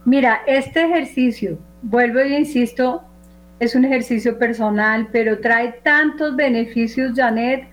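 A woman hosting a faith program, earnestly coaxing listeners through a self-examination and listing traits with many pauses. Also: on the high side. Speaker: host. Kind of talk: guiding a reflective faith exercise. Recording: dull muffled sound with faint hum.

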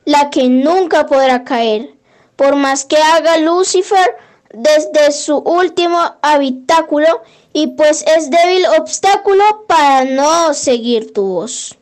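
A woman with a high, light voice leads a prayer, taking each verse at an unhurried, deliberate pace. Her recitation is measured and devotional, with the steady cadence of someone reading a litany aloud. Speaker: prayer leader.

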